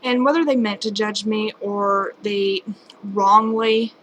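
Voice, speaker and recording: A late-twenties woman vlogs from home at night, talking slowly and candidly to her camera, wandering off topic and making self-deprecating jokes. Her medium-pitched, slightly bright voice has fairly even intonation, with slight background noise.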